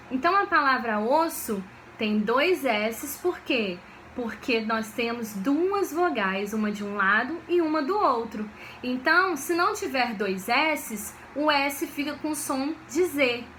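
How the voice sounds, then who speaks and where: A woman teacher, giving a video lesson for children in a slow, patient way and often checking that they follow. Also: sits high, pushed and bright, slight background noise. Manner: slow, patient, checks understanding with frequent questions.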